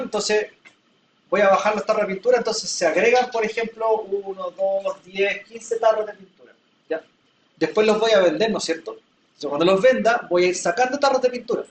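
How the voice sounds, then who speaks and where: Here a man with a high voice teaches a class, checking in often with students while he patiently walks through everyday examples. The sound is distant and echoey, carrying a slight hiss or hum.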